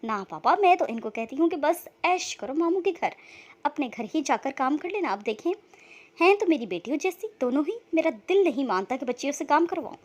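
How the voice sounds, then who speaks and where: A woman's voice: sits high, lively intonation, a little fast, darkish tone. A woman voicing a scheming middle-aged aunt who puts on a sugary, showy manner to impress guests. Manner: sugary, putting on airs.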